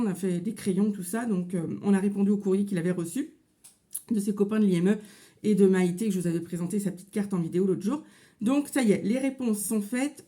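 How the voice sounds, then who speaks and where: A crafting vlogger in her thirties with a French accent chats casually through a craft tutorial from her home office, using many fillers. Her voice is medium in pitch with a dark tone.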